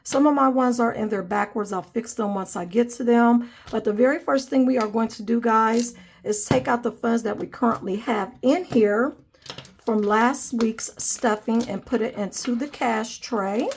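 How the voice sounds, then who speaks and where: Counting money out loud, this friendly budgeting channel host chats casually and addresses her audience as "guys." She's a young woman whose pitch sits on the high side, speaking at normal speed and sounding stuffy from a cold, with slight hiss or hum in the background.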